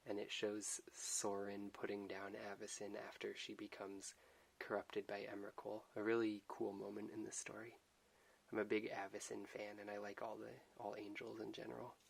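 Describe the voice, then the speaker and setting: Low, soft-spoken man with gravelly creak. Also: completely flat delivery, moderate pace, low-quality recording. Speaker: host of an unboxing video. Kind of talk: soft-spoken ASMR commentary. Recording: hissy background noise.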